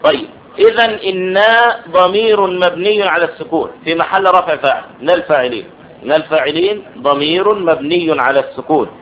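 A man's voice: a little high, a little hiss or hum. Egyptian man teaching, lo-fi classroom recording. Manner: explanatory, checks understanding with quick questions. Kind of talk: classroom grammar lesson.

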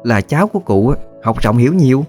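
A man voicing a lively, curious young woman with a Southern Vietnamese accent who asks quick, eager questions. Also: medium pitch, faint music behind, pitched above the performer's own voice, lightly acted.

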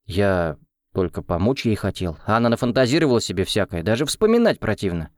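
A man's voice: on the low side, very animated, brisk, no echo. A man reading an audiobook, voicing a defensive, embarrassed young man. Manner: defensive, flustered.

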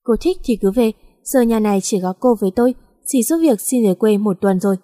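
A woman's voice: a little high, fairly quick, dark tone, studio quality, natural voice. A woman voicing a bossy, teasing male company director who talks in a curt, mocking way. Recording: long echoing reverb.

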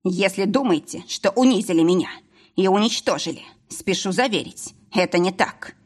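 A woman's voice: medium pitch, normal speed, a little mellow, husky, natural voice. A woman voicing a proud, bitter male healer who hisses his words through clenched teeth, in an audiobook. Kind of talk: audiobook character voice.

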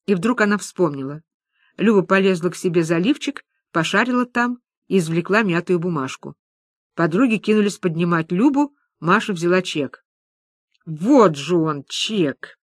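A woman's voice: lowish voice, moderate pace, no echo, studio quality. Woman reading a story aloud. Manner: expressive storytelling, voices the characters. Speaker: narrator. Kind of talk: audiobook reading.

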